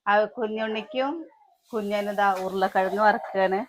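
A woman's voice: mid-range voice, steady tone, moderate pace, slight background noise. A woman with a Malayali accent chatting to the camera in her home kitchen, cooking breakfast and calling out to her children. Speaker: family vlogger, mother. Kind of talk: casual home vlog narration.

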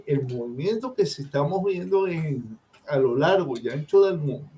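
Emphatic Venezuelan man, higher voice. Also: expressive, moderate pace, dark tone. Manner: emphatic, opinionated, lecturing. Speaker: guest professor. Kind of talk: live-stream discussion.

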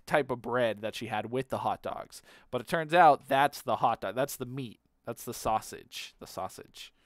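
A man streaming a game, talking to chat in a loose, rambling way and repeating words aloud. His voice sits in a middle pitch, and the sound is dry and close. He hums little tunes between thoughts. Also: a bit bright, no echo. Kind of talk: casual chat while playing a game.

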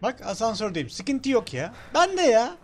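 High, excitable man playing a game. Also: moderate pace, background noise. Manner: excitable, swears, talks back to the game. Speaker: gameplay streamer. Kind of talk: casual let's-play commentary. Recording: loud game music behind the voice. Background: game music.

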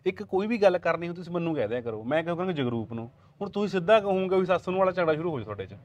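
ਇੱਕ ਆਦਮੀ ਵੱਲੋਂ ਨਿਭਾਇਆ ਤੇਜ਼ ਬੋਲਦਾ, ਤਸੱਲੀ ਦੇਣ ਵਾਲਾ ਪੁੱਤ. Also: male voice, a little high, expressive, muffled recording, a little hiss or hum, natural voice. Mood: reassuring. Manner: quick, reassuring. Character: reassuring young husband and son. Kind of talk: Punjabi short film acting.

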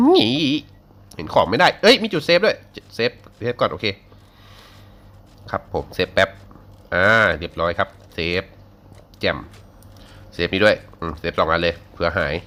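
A man giving excitable, casually profane let's-play commentary to himself as he plays. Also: low voice, moderate pace, pauses often. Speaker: game streamer.

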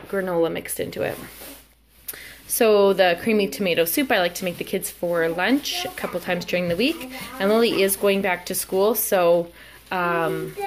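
Indoors at home, a young vlogger with a fairly low pitch talks through her grocery haul without a script, casual and slightly hesitant. She holds the handheld camera, so handling clicks and clear background noise come through.

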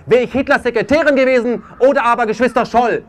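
At an outdoor peace rally, a very high-pitched man speaks at a quick pace with fairly even intonation. His protest speech is impassioned and emphatic, studded with "ja?" tags, over faint crowd noise.

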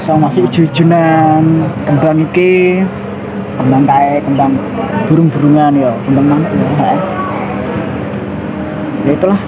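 Filming a casual phone vlog on an outdoor cafe terrace, a young Indonesian man rambles loosely and drops in local slang, his voice highish, fairly even and a bit slow with frequent pauses. The handheld phone is held close, so the audio is muffled and heavy traffic roars in the background.

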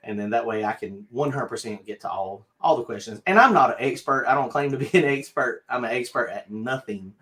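A man's voice: mid-range voice, expressive, a little fast, few pauses, a bit bright. Rambling Southern man hosting a livestream. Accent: North Carolina Southern. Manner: rambling, self-deprecating, many fillers and restarts. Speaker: livestream host. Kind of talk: casual livestream chat. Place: home craft studio, indoors.

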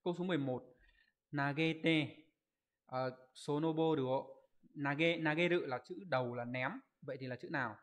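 Man teaching a Japanese exam review. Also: on the high side. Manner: explains step by step, asks rhetorical check questions; reads out viewers' comment answers in a quick list. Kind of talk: live online exam-review lesson.

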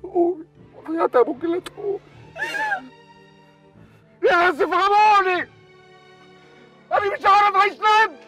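A man's voice: very high-pitched, normal speed, pauses often, sharp tone, soft background music. An actor with an Egyptian accent playing a desperate young man who begs and pleads while tied up. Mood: pleading. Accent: Egyptian Arabic. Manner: urgent, pleading, emotional. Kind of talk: Egyptian TV drama acting.

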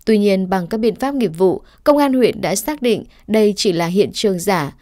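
Woman reading news voiceover, mid-pitch, steady and formal, dry booth sound. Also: moderate pace, no echo. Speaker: news voice-over reader. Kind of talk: scripted news voice-over.

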